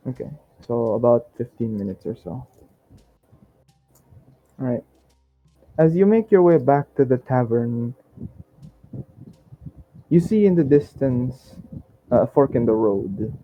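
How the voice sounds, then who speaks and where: A man's voice: medium pitch, lively intonation, slow, pauses often, soft background music. A man running a tabletop game as game master, laid-back, laughing often and fumbling through his notes. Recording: dull lo-fi sound with faint noise.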